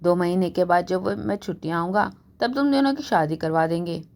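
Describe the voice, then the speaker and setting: A woman's voice: lowish voice, brisk, darkish tone, natural voice. A woman voicing a stern middle-aged father who scolds and gives commands in a storybook reading.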